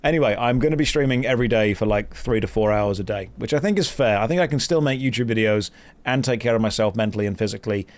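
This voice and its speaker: A man with a fairly low voice talks quickly while gaming on a live stream, chatting casually with his audience. He makes jokes at his own expense and reads out the chat and quest text.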